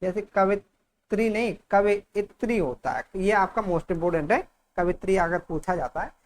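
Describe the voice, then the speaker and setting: A man teaching a grammar lesson for exam preparation, saying each word more than once in a dictating way. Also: sits high. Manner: repeats each word, dictating-style explanation.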